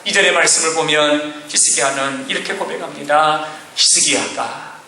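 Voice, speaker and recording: High, bright-voiced preacher shouting in an echoey church. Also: male voice, fairly even intonation, normal speed, gravelly. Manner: dramatic, acting out the king's and prophet's words, often shouting. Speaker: pastor. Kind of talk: sermon. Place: church sanctuary. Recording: echoey church hall with faint noise.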